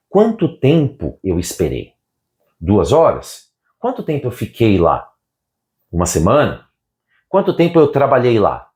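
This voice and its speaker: A man teaching English, calmly reading out example sentences slowly and translating each one. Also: mid-range voice, roomy sound. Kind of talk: slow, clear language lesson.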